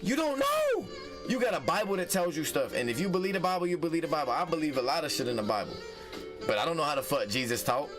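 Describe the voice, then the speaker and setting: A man's voice: a little high, expressive, rapid-fire, over music. A man hosting a casual advice vlog, heated and profane, who repeats phrases for emphasis. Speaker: vlog host.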